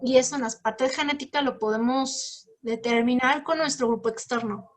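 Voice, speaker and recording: A woman lectures and fields questions from students. Her voice sits a little high, and she explains patiently, leaning often on fillers. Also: steady tone, normal speed. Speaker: guest lecturer. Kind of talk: academic talk answering questions.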